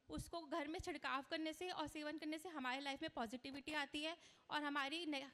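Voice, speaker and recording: A woman's voice: high-pitched, fairly bright tone. Woman, conference speech, earnest, instructive, long hall reverb. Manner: earnest, instructive, mixes English words into Hindi. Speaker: astrology speaker.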